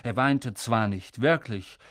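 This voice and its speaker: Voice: mid-range voice, takes it slowly, dry recording, clean studio sound. An audiobook narrator reading a story expressively and voicing its characters.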